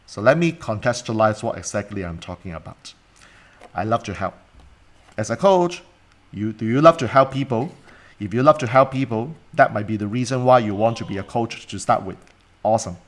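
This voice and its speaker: A man's voice: mid-range voice, fairly bright tone. A middle-aged man with a Cantonese accent, coaching in an informal online class in a blunt, emphatic way with rhetorical questions and repetition. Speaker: coach and mentor teaching a live online class. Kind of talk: informal live online teaching.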